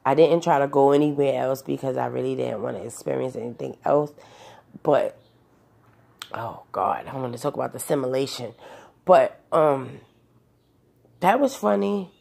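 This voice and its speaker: A woman's voice: a bass voice, normal speed, creaky, long pauses, warm tone. A young adult woman telling a personal story to the camera in a casual, rambling way, with many fillers and restarts. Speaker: vlogger recounting a personal experience.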